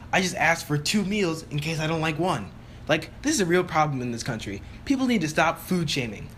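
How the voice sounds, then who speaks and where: A man's voice: on the high side, fairly bright tone, a little hiss or hum. A young man narrating a casual story-time voice-over, chatty and exasperated, with lots of fillers. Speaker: YouTuber telling a story.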